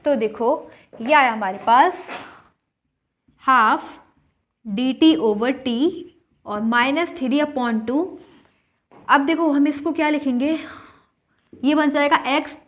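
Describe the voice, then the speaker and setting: A woman's voice: high-pitched, a little slow, pauses often. A woman gives a board-work maths lesson. She talks through each step and keeps asking and answering her own questions. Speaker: maths teacher.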